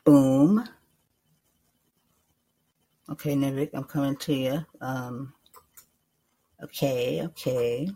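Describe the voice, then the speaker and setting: A man's voice: mid-range voice, slow, pauses often, warm tone, low-quality recording. A young man hosting a live call-in podcast, talking loosely and rambling, with a lot of filler words and some swearing. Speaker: host.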